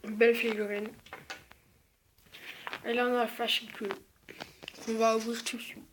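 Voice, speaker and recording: A speaker presenting an unboxing video in an informal, halting and repetitive way, with speech affected by new dental braces. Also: medium pitch, little pitch movement, fairly bright tone. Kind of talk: casual unboxing commentary, partly reading aloud. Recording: clearly noisy home-made recording.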